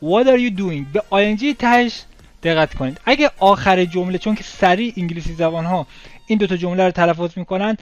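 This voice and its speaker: A man giving a casual language lesson, explaining step by step and repeating English phrases slowly. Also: sits high. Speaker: English teacher. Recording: dull lo-fi sound with faint music.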